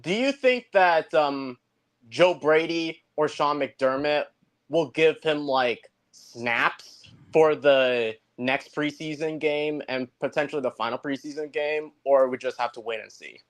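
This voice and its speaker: A male caller talks casually, pausing and groping for words with plenty of "uh" and "like". His voice sits a little high for a man. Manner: hesitant, searching for words. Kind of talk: casual call-in chat.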